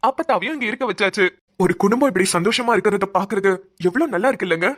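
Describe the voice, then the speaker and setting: A man's voice: high-pitched, a bit bright, dry recording, clean studio sound. A man giving a chatty, upbeat outro as channel host. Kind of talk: casual end-card outro.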